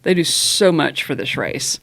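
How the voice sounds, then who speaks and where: A woman race director co-hosting a casual podcast from an office, upbeat and quick to laugh. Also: deep voice, lively intonation, gravelly, a bit bright, dry recording. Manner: upbeat, laughs often, enthusiastic.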